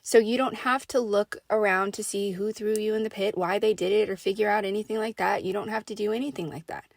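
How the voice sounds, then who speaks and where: A woman delivers a casual faith talk in a conversational, emphatic way, tagging her points with quick check-ins. Her voice sits at a middle pitch. The sound is close and dry, with no room echo. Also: steady tone, creaky. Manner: conversational, emphatic, frequent "right?" and "okay?" tags. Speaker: faith speaker. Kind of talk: casual preaching monologue.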